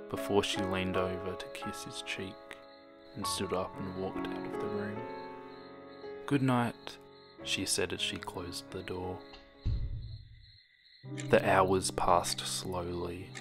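Casting: somber male storyteller, very low and monotone, reading a scripted horror tale. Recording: background music.

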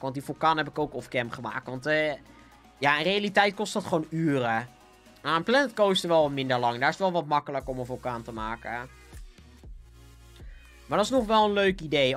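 A young man streams gameplay and chats casually in a Dutch accent, his voice on the high side with a fairly bright tone. Giggly and bouncy, he talks through a sore throat while faint music plays in the background.

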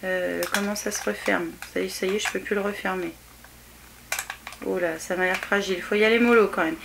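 A woman's voice: mid-range voice, fairly even intonation, fairly quick, gravelly, background noise. A woman chatting casually through a shopping haul video, hesitating often as she shows each item. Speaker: vlogger showing a shopping haul.

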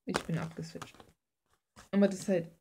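Hosting a drawing video from an indoor drawing desk, a woman rambles casually and thinks aloud in slangy talk while she draws. Her lowish voice moves at normal speed against a noisy background.

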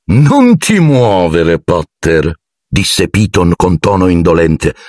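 A man narrating an audiobook in an expressive, dramatic reading on a studio mic. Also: deep voice, slightly rough, dry recording. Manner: dramatic, shifting voices.

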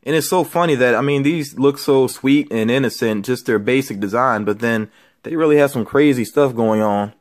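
Surrounded by shelves of figures in an indoor room, a man who vlogs about collectibles shows off pieces in a casual show-and-tell chat. His voice is medium in pitch and moderately paced.

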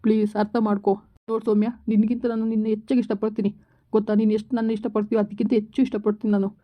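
A woman plays a young husband who coaxes and reassures his wife. The talk is very fast and level, with little rise and fall. The recording sounds slightly dull. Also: mid-range voice, little pitch movement, close to an everyday voice. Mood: reassuring. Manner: reassuring, coaxing.

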